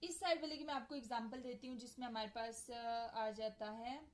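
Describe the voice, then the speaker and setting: A woman's voice: fairly high pitch, fairly even intonation, normal speed, a little hiss or hum, rough recording. A young woman teaching an English lesson, patiently explaining and often checking whether her students have understood. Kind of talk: classroom lecture mixing Hindi-Urdu and English.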